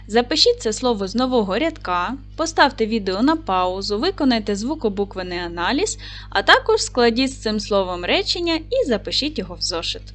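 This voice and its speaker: A woman teaching a recorded lesson for primary school children, speaking clearly and patiently to the class. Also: on the high side, sing-song, brisk, slight background noise.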